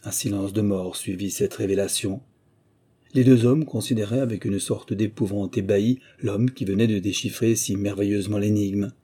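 A man narrating a literary audiobook in a measured, even reading. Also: on the low side, breathy edge.

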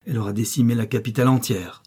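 A man's voice: medium pitch, steady tone, fast talker, dark tone, slightly rough, natural voice. A man reading a storybook, voicing an eccentric old male scientist with a taste for rhetoric. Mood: rhetorical.

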